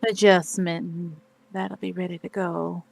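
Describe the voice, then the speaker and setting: A woman playing a tabletop role-playing game who laughs often and reacts quickly. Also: on the low side, flat delivery, creaky, a little mellow, no room sound. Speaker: player. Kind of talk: casual tabletop role-play.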